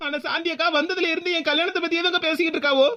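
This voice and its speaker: A woman's voice: extremely high pitch, steady tone, very fast, a bit bright. Woman voicing an indignant young bride-to-be. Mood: upset. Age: young adult. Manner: protesting, indignant. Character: young unmarried working woman, shy bride-to-be. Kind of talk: cartoon voice acting.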